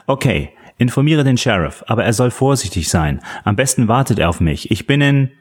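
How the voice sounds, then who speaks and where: A man's voice: mid-range voice, big pitch swings, brisk, husky, pitched above the performer's own voice. A man doing a clipped, impatient woman agent. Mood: urgent. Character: brisk, tough female agent giving orders. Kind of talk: audiobook reading.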